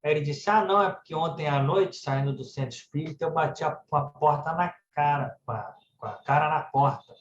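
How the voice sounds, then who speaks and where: In a dull, muffled, echoey room, a man with a Brazilian Portuguese accent gives a religious talk at a spiritist centre, telling conversational anecdotes and tagging phrases with "né." His voice is on the high side and a little fast, with few pauses. A slight hiss or hum sits under the audio.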